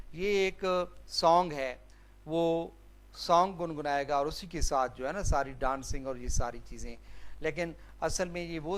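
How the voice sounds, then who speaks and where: A male teacher explaining a play line by line, listing English synonyms and switching between English and Urdu. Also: fairly high pitch. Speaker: literature teacher.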